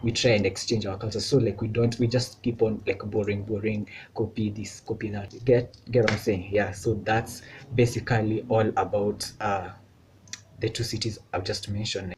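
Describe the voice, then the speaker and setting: A man's voice: lowish voice, little pitch movement, normal speed, a little hiss or hum. A young man from Kenya talking casually on his vlog, loose and chatty with lots of filler words. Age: young adult. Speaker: vlogger. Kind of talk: casual chat.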